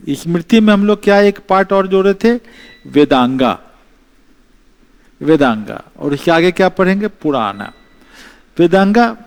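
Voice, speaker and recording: This teacher's voice sits high as he works through a history lecture for exam prep. He explains things slowly, goes over key terms more than once, and mixes in English phrases.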